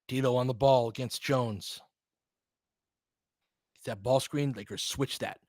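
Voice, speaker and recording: In studio quality with no room sound, a man with a fairly bright, high-leaning voice does fan play-by-play of a basketball game. His live commentary mixes casual chat with short, clipped descriptions of the action.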